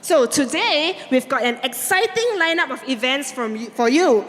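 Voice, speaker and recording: A woman's voice: high-pitched, expressive, moderate pace, a bit bright. A woman co-hosting an event on stage, peppy and leading the crowd. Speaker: event co-host. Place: event hall. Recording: long hall reverb.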